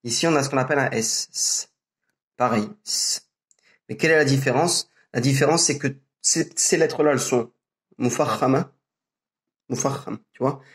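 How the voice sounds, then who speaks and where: A man's voice: mid-range voice, brisk, fairly bright tone. A man giving a casual pronunciation lesson, explaining patiently with hesitations and repeated example sounds. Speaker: Arabic pronunciation teacher.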